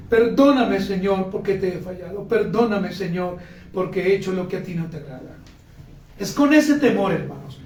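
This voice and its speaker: A man's voice: high voice, a little mellow, slight background noise. A man preaching a sermon as pastor, earnestly calling to his congregation and often breaking into spoken prayers. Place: church sanctuary. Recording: echoey church from a distance.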